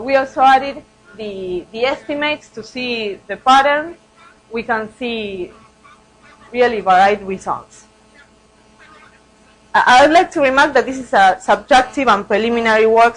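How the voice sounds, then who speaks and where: A woman researcher presents study results at a conference, speaking hesitantly and often repeating words. Her voice is fairly high and her pace measured, though the audio is poor.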